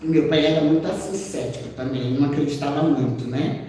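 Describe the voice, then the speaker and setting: A woman's voice: deep voice, steady tone, fairly quick, dark tone. A woman missionary giving a church testimony, telling her story conversationally, often ending phrases with "né?" and acting out the voices of the people she quotes. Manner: acts out quoted dialogue within her story. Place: church hall. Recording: echoey church hall, voice far off, faint background noise.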